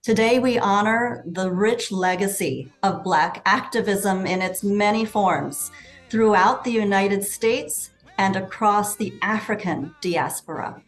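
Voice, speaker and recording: A woman delivers a formal welcome address at a slow, unhurried pace. Her voice sits in an ordinary middle register, with faint music playing behind her. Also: mid-range voice, rough recording. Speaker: school CEO welcoming the community. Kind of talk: scripted welcome remarks.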